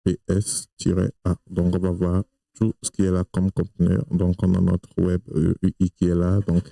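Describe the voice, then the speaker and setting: Low gravelly guy walking thru a tech tutorial, lots of umms and restarts, dark voice, not a native french speaker. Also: monotone, normal speed, no echo, poor audio. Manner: hesitant, many fillers and restarts. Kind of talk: screen-recorded software tutorial.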